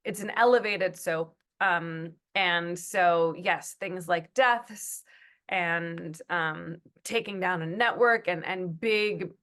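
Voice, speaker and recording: A woman with a somewhat low voice speaks as a guest in an interview about her writing work. She thinks aloud, pausing on fillers and restarting sentences. Now and then she acts out what other people say. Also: fairly bright tone. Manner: thoughtful, many fillers and restarts, acts out quotes. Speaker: TV writer and producer, guest. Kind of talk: conversational interview.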